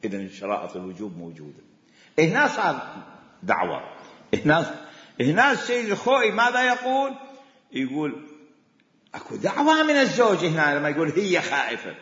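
Animated Iraqi man lecturing in an echoey hall. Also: fairly high pitch, a little fast, pauses often. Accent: Iraqi Arabic. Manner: animated, repeats points with emphasis. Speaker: religious law teacher. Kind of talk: classroom lecture. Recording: echoey hall, dull lo-fi sound.

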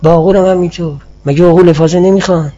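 A male teacher lectures in a measured, explanatory way, pausing to answer his students. His voice sits a little high but sounds mellow and husky. The recording is dull and muffled. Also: steady tone. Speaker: teacher of Islamic philosophy. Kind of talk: classroom lecture.

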